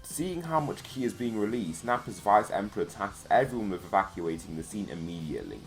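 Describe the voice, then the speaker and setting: A man hosting his channel and narrating a fan story in a plain, steady reading voice. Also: fairly low pitch, brisk. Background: faint music.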